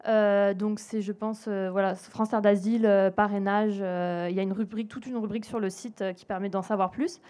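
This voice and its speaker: A woman's voice: mid-range voice, steady tone, fairly quick, few pauses, darkish tone. A woman explaining a mentoring program for refugees at a public talk, with many hesitant fillers. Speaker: charity program speaker. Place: event hall with an audience.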